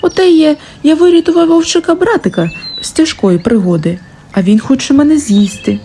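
Humble peasant man, voiced by a woman narrator, lifted pitch, pleading, mellow fairy-tale reading. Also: a little fast, a little hiss or hum, lightly acted.

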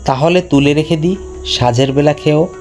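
A man's voice: fairly high pitch, moderate pace, a little mellow, soft background music, pitched above the performer's own voice, close to an everyday voice. A man doing a caring little girl. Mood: earnest. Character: ten-year-old girl, caring, sensible daughter.

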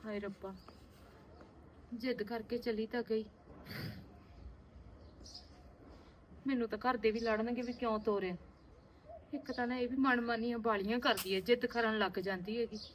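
An actress playing a caring, anxious young married woman who gently scolds and coaxes her younger sister-in-law. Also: a little high, steady tone, normal speed, slight background noise, close to an everyday voice. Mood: worried. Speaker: actor. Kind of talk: village family drama acting. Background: birdsong.

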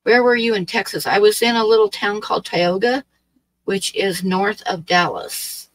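Her voice sits at a medium pitch and moves at a normal pace, though the recording is rough and carries no room sound. She's a sixty-something Oregonian livestreaming from a small, dim space with a draped wall, chatting casually with her live chat in a hesitant, rambling way thick with fillers.

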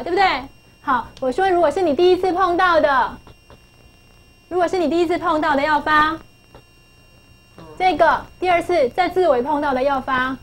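A middle-aged English teacher with a high voice gives a phonics lesson, constantly questioning her pupils and repeating key points to drive them home. The audio is poor.

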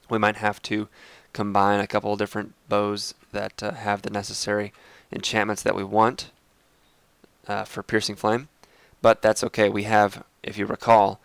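A young man hosting a Minecraft let's play chats casually with his viewers, calling them guys as he rambles through gameplay commentary. His fairly low voice has vocal fry and a slightly bright tone, sounding congested from clogged sinuses in a dry recording.

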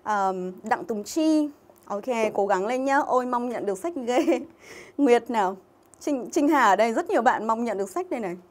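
Speaking at a moderate, animated pace, this Vietnamese woman teaches English on a livestream, reviewing for an exam. Her voice sits a bit high, and she chats freely, calling out commenters' names as she goes.

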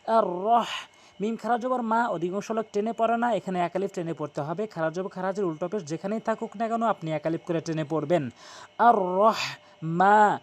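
A man teaching Quran pronunciation, spelling out letters slowly and repeating each correction. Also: high-pitched, darkish tone.

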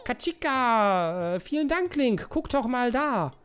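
Purah: a man putting on a giggly high girl inventor. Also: very animated, unhurried, fairly bright tone, faint music behind, full character voice. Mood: excited. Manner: giggly, high-pitched and bubbly. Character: cheeky young female inventor girl, excitable.

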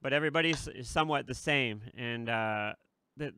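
A man's voice: mid-range voice, normal speed, pushed and bright, smooth, dry recording. A man hosting a casual interview, chatty and often laughing, on a desk mic with headphones in a small studio. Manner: chatty, laughs between remarks, many fillers. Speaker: host. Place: small studio with red curtain.

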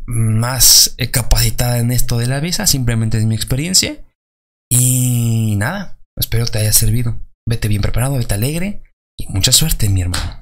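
A young adult man with a Mexican accent, talking loosely in a casual advice vlog, full of fillers and quick check-ins with the viewer. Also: medium pitch, a bit bright. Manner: chatty, loose, many fillers and tags like "¿sale?". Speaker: vlogger.

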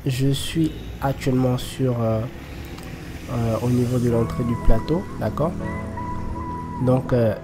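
A man narrates a city walking tour, filming on his phone as he walks beside a busy road. He speaks slowly, pausing often with fillers. Clear background music sits under the voice, along with passing traffic. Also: medium pitch. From Côte d'Ivoire. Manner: slow, hesitant, many fillers.

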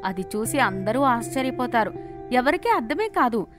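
A woman narrating a horror storybook in a measured, dramatic style. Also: on the high side, big pitch swings. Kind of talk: scripted narration. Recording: narration over loud background music.

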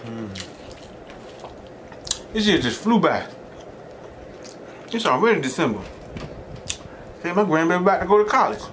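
A man's voice: on the high side, very animated, normal speed, pauses often, a bit bright. Southern US man rambling over a noisy recording. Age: middle-aged. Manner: folksy, rambling storytelling with repeated catchphrases; talks between mouthfuls of food. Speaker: mukbang host. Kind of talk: casual chat while eating.

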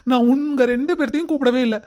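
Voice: mid-range voice, natural voice. A voice actor playing a playful, joking young male student in a cartoon story, teasing his friends. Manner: teasing, laughing, jokey.

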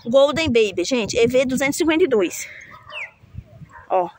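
Chatty woman with a higher voice. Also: animated, normal speed, a little mellow, slight background noise. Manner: chatty, self-mocking about pronouncing names. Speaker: plant vlogger showing her flowers. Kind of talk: casual chat to viewers.

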